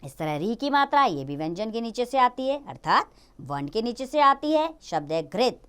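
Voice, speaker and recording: A woman teaching a grammar lesson to children, drawing out each letter and example word slowly. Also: on the high side, sing-song, clear, resonant tone. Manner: slow, drawn-out teaching of each letter and sound.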